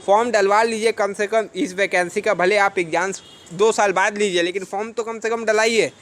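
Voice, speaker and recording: A man's voice: sits high, steady tone, moderate pace, a bit bright. A man who coaches students for defence exams, talking casually and earnestly to them in a vlog, urging them on and asking rhetorical questions. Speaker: defence exam coaching teacher.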